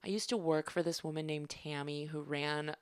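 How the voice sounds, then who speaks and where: Low-voiced chatty woman. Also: fairly even intonation, normal speed, smooth, dry recording, studio quality. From California. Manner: chatty, rambling with many fillers. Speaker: comedian guest. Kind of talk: casual podcast chat.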